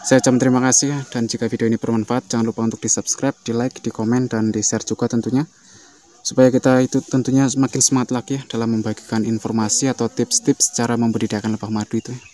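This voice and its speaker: A man hosting a beekeeping vlog, explaining in a casual, rambling way and often filling pauses with "eh" and "ya". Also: medium pitch. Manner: fast, flat, repeats fillers like "ya" and "eh". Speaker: beekeeping channel host.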